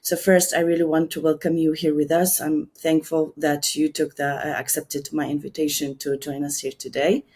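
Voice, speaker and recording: Low-voiced woman hosting an interview. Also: little pitch movement, darkish tone, husky. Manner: measured, scripted intro then hesitant questions. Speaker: podcast host. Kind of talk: introduction and interview.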